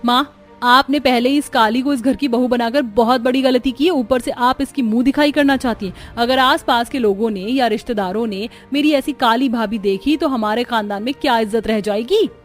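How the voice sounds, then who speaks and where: A woman voicing a spoiled, sneering young woman in a cartoon, loud and complaining. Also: a little high, moderate pace, faint music behind, close to an everyday voice. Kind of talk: cartoon dubbing.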